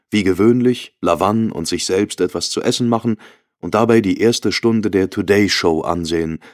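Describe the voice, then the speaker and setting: Deep-voiced male audiobook narrator. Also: no echo, clean studio sound. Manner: measured, even storytelling. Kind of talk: scripted narration.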